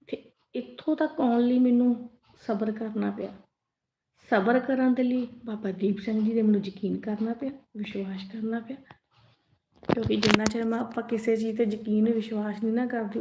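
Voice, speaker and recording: A young adult woman giving earnest spiritual advice in a live-stream talk, often asking the listener questions. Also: medium pitch. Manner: earnest, advising directly, asks listeners questions. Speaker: religious speaker. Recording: echoey, dull lo-fi sound.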